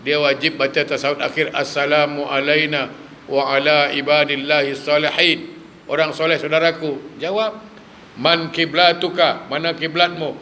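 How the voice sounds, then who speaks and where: A male preacher gives a lively sermon, firing rhetorical questions at his listeners and mixing in humor. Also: fairly high pitch, moderate pace, slight background noise. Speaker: religious preacher.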